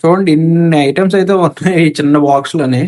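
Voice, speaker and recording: A fairly high, slightly mellow male voice moves at a fast clip. The speaker, a Telugu-accented gear reviewer, gives a laid-back hands-on unboxing and installation demo peppered with English technical terms.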